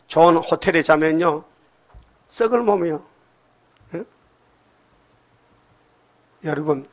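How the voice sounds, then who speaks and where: An older man preaching a sermon in a church, animated and firing rhetorical questions at the congregation. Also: fairly high pitch. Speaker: pastor. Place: church sanctuary.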